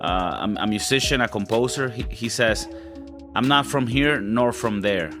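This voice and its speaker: A man in his thirties with a Spanish accent co-hosts a casual podcast chat, rambling, swearing, mimicking other people and stumbling over stammered restarts. His mid-range voice keeps a measured pace, with music playing in the background.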